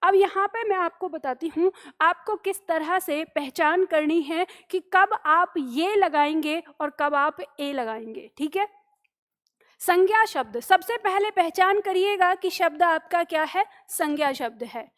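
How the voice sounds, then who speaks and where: A woman's voice: very high-pitched, expressive, unhurried, fairly bright tone. A woman teaching a grammar lesson, patiently explaining rules, repeating example words and checking in with her students.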